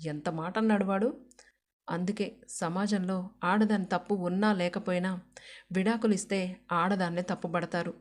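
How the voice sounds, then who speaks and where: A woman narrating a moral story in an even, measured storytelling voice. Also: on the low side.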